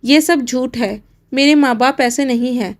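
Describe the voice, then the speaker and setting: A woman's voice: high voice, natural voice. Woman voicing a desperate young bride. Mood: pleading. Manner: emotional, pleading. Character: young bride, pleading and defiant.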